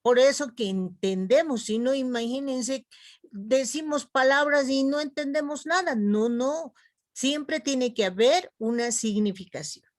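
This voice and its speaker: A woman teaching a class, explaining slowly and warmly addressing her students as young ones. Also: sits high, no room sound, clean studio sound. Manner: slow, explanatory, calls students "jovencitos". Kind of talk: online class lecture.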